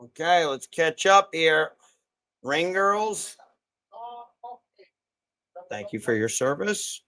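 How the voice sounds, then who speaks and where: An excitable man hosts a live fight stream, calling the action and his bets as they happen. His voice sits a bit high for a man, and he cheers the fighters on as the fight unfolds. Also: slow. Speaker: livestream host. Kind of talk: live fight betting commentary.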